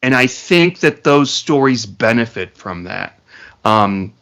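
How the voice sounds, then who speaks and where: A man's voice: mid-range voice, lively intonation, slow, fairly bright tone, smooth. A man co-hosting a casual podcast, rambling through jokes and asides with plenty of swearing. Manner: joking, profane, rambling asides. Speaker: podcast co-host. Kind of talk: casual podcast review chat.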